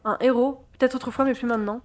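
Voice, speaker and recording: A young woman streaming a game, chatting to her chat and reading game dialogue aloud, excitable and quick to laugh. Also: a little high. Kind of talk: gameplay let's play commentary.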